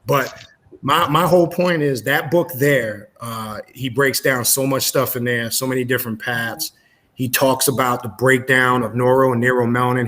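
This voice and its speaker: A man with a medium-pitched, slightly bright voice is a guest on a casual livestream interview. He explains things at length in a measured way, with frequent "uh" and "um."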